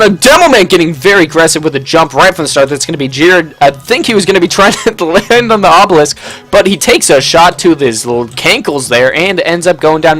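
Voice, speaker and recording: A young man giving jokey, casual play-by-play commentary on an online match, talking quickly and tripping over his words now and then. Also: fairly high pitch, a bit bright. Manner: rapid, jokey play-by-play with stumbles. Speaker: game commentator. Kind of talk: casual live game commentary.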